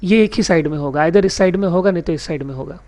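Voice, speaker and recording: A man's voice: fairly high pitch, darkish tone. Man explaining electronics step by step. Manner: explains step by step, reading out English definitions slowly; mixes English technical terms into his speech. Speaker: electronics tutor. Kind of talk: recorded tutorial lesson.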